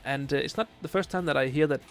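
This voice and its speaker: A man in his late twenties from Denmark, with a Danish accent and a higher-pitched voice, talks fast while streaming a game late at night. In casual live-stream chat he reads out viewer questions, hesitating with lots of fillers as he hunts for English words.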